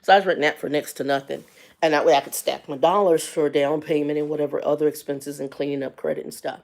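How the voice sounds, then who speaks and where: A woman's voice: low-pitched, steady tone, fast, vocal fry, darkish tone. A woman in her fifties telling a personal story on a casual livestream, candid and colloquial, with faith-based asides. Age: 50s. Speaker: livestream host.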